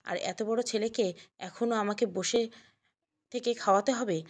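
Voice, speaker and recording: A woman voicing a kind, affectionate middle-aged mother-in-law in an audio story, speaking softly and scolding fondly. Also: fairly high pitch, steady tone, normal speed, close to an everyday voice. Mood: gentle. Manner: soft, gentle, scolding fondly. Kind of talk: Bengali audio story dialogue.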